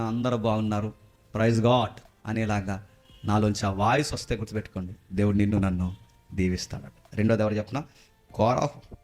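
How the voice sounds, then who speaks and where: A man preaching a sermon to his congregation, firing off questions and hammering home repeated warnings. His voice jumps sharply high and loud on key points, then drops back low and quiet, while faint music plays softly behind him. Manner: rhetorical questions, repeating warnings, rising to high emphatic peaks. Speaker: pastor.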